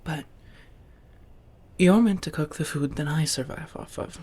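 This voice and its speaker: Her low, slightly rough voice moves at a measured pace, affectionate and teasing. She's acting as a refined, loving female vampire roommate for ASMR, speaking softly, frequently near a whisper, with formal phrasing and playful pet names.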